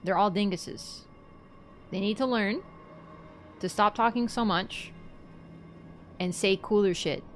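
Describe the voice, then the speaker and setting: A young woman from Canada chatting on a live stream, rambling, giggly and quick to apologize. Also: mid-range voice, soft background music. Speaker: livestreamer. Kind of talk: casual live-stream chat.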